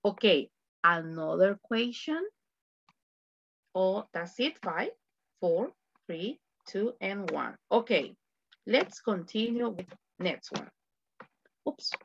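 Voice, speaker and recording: A woman's voice: medium pitch, lively intonation, very slow, creaky, pauses often, highs cut off. A woman teaching an online English class, switching between English and Spanish to explain grammar and drilling her students with countdowns.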